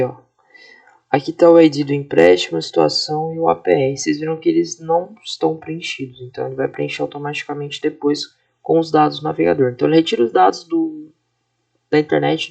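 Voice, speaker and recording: Gravelly young man talking through a screen demo. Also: a little high, a little mellow. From Brazil. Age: 20s. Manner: casual, explanatory, frequent fillers and tag questions. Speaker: student presenting a class project. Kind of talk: screen-recorded software walkthrough.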